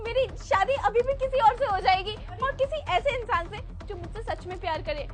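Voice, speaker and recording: A woman acting as a young wife in a family skit, accusing her husband loudly and emotionally. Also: very high-pitched, animated, fairly quick, faint music behind. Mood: hurt, pleading.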